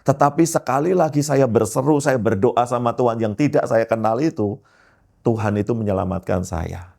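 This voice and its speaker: A man, a pastor, telling his life testimony in a lively storytelling way, often turning to address his listeners directly. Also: mid-range voice, normal speed, vocal fry.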